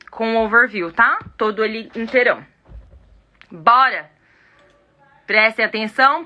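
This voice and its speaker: A Brazilian woman with a Brazilian Portuguese accent gives a casual online English lesson, playful and chatty as she speaks straight to her viewers. Her voice is a little high with a sharp tone, and the audio is dull.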